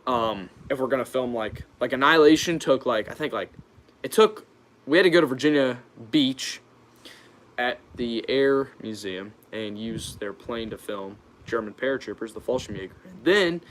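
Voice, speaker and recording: A young American YouTube host, his mid-range voice fairly bright with lively intonation and normal speed, reads questions aloud during a casual livestream Q&A and answers off the cuff. He's informal and hesitant, and there's slight background noise.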